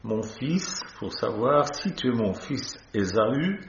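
A man's voice: mid-range voice, sing-song, takes it slowly, a little hiss or hum. A man preaching a sermon, reading scripture aloud and breaking off for chatty, playful asides. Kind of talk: sermon, Bible reading with commentary. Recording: echoey, slightly dull recording.

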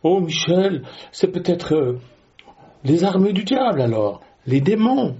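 A man voicing an anxious believer who raises objections in a pleading, higher voice. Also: very animated, a little slow, warm tone, highs cut off, heavily acted. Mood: worried objecting.

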